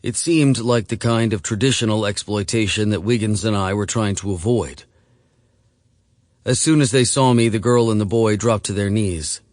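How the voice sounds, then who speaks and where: A man narrating an audiobook in a measured, steady reading voice. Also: on the low side, no room sound, studio quality. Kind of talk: scripted narration.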